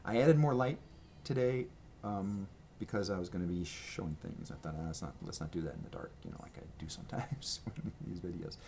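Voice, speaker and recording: A man with a lowish, gravelly, slightly mellow voice chats briskly with few pauses as he shows his merch to a camera at a table at home. He drifts between points, restarts sentences and uses ums and you-knows, with faint room ambience and a little hiss or hum on the camera mic in a gray room with a red accent wall.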